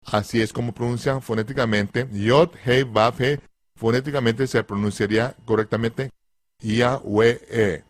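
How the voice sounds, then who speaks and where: A man giving a religious lesson, slowly spelling out letters and repeating pronunciations with deliberate care. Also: mid-range voice, no room sound. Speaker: religious teacher.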